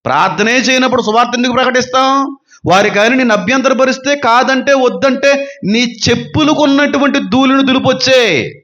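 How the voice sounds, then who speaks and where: A man preaching a sermon as a pastor, fervent and full of rhetorical questions, swinging between loud and soft. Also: extremely high pitch. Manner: says he talks fast and gives quick counters. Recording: dull lo-fi sound.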